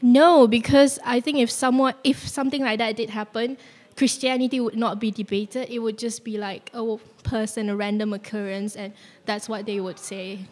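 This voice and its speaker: A woman's voice: fairly high pitch, fairly even intonation, normal speed, darkish tone, in a large hall. A young woman from Malaysia, a student, answering street questions earnestly and with some hesitation. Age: young adult. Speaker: student interviewee. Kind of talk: casual vox-pop answers.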